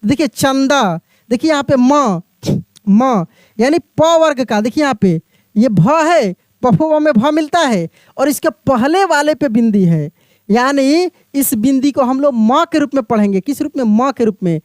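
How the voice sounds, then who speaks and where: A man teaching a beginners' reading lesson, explaining slowly, repeating each word and putting questions to the listener. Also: very high-pitched, animated, dry recording, studio quality. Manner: addresses the viewer as my friend.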